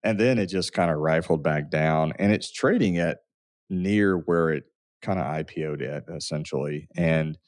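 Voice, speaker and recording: A man's voice: rumbling low, normal speed, a little mellow, dry recording, clean studio sound. A man, a financial advisor co-hosting a radio talk show, chatting loosely with fillers and restarts.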